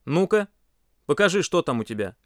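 Male narrator as firm, scolding camp instructor, good-natured, lively storybook voice. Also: a little high, moderate pace, no echo, clean studio sound, voice pushed up. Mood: teasing.

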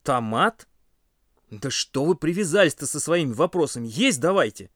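Man putting on a high, squawking voice for a greedy clumsy boy camper, lively storybook role. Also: moderate pace, no room sound, studio quality. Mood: irritated. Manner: high excited exclaiming.

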